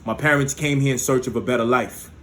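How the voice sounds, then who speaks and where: A man from the United States, his voice medium in pitch and fairly bright, performs spoken word poetry at a quick pace with a steady tone. The rhyming lines have a rhythmic flow and emphatic peaks, with short spoken asides in between pieces.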